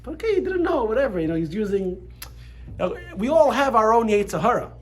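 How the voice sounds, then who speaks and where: In a classroom full of students, a rabbi gives a Torah lesson mixed with casual storytelling, chatty and full of restarts and asides. His voice sits high, swings widely in pitch, and moves fairly quickly.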